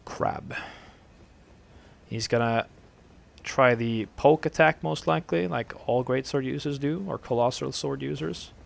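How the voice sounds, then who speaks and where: A man with a dry, gravelly throat giving rambling, casual commentary over his own game duels. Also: medium pitch, unhurried, long pauses, slight background noise. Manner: rambling, relaxed, many fillers. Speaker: gameplay commentator.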